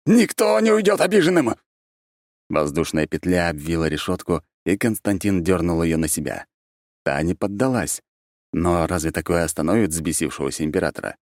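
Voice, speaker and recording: Deep-voiced man narrating an audiobook. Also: a little fast, no echo, clean studio sound. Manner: expressive, animated reading.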